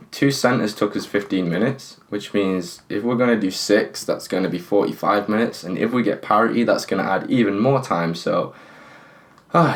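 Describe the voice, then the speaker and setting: A man hosting his own puzzle channel, thinking aloud and pleading with a stiff puzzle as he solves it. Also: lowish voice. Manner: talks to the puzzle, pleading and exasperated; thinks aloud, counting pieces. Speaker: puzzle solving channel host. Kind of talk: casual talk while solving a puzzle.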